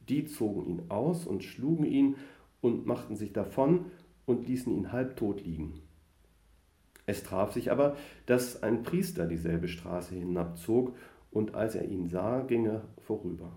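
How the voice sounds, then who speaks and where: A man reading a Bible passage aloud in a measured, formal way. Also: on the low side, dark tone. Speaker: scripture reader. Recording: roomy echo.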